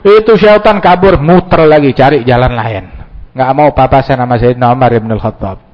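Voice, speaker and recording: Preacher in an echoey hall. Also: male voice, mid-range voice, moderate pace. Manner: animated storytelling, acting out dialogues; mixes Arabic quotations and Jakarta slang. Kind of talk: Islamic sermon. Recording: dull lo-fi sound with long hall reverb.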